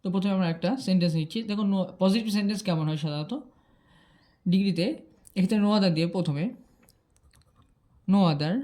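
A woman's voice: on the low side, mellow. A woman explaining grammar rules step by step, patiently checking that her students follow. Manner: patient, checks in with "ঠিক আছে?", mixes English terms into Bengali. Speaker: English grammar teacher.

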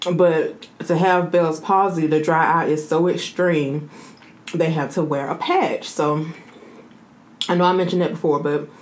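Low-pitched woman, casual mukbang eating chat. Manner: talking while eating, with savoring mms between bites. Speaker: mukbang host. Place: small room indoors, seated at a table. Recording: noticeable room noise.

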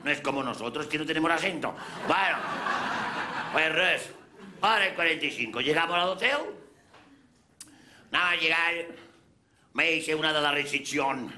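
A man's voice: on the high side, moderate pace, long pauses, pushed and bright, slight background noise. A man with a Mallorcan accent performing a crude, rambling comic monologue in character on a café stage. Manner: brash, crude, rambling storyteller. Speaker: comedian in character. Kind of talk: live stand-up character monologue. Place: café stage before a live audience. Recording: live audience laughter throughout.

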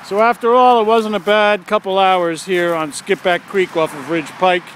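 A man's voice: high voice, steady tone, moderate pace, fairly bright tone. A man narrating his own fishing trip outdoors by a creek under a road bridge, talking casually into a handheld camera in a plainspoken play-by-play way. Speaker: fishing vlogger. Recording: outdoor camera audio with faint traffic hum. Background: faint traffic noise.

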